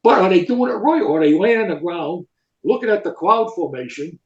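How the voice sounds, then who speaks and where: A man's voice: high voice, brisk, slight background noise. Older man spinning rambling coaching stories. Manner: rambling, animated, tags lines with "right?" and "okay?". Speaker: retired football coach, guest. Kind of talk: storytelling in a podcast interview. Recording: echoey room, dull lo-fi sound.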